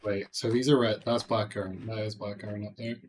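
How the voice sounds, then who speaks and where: A man's voice: fairly low pitch, little pitch movement, brisk, a little hiss or hum. Man muttering through a game stream. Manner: muttering thoughts aloud, joking to chat. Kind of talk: casual gameplay commentary.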